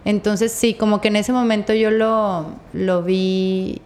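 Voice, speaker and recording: A woman with a Mexican accent, co-hosting a podcast and telling a personal story in a casual, animated, slangy way. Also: mid-range voice, slow. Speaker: podcast co-host.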